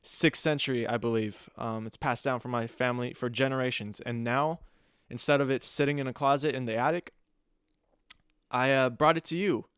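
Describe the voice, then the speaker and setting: A man's voice: mid-range voice, steady tone, normal speed, a bit bright, clean tone, no room sound, studio quality, natural voice. Young man doing an earnest, hesitant seller. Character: earnest male customer selling a family heirloom.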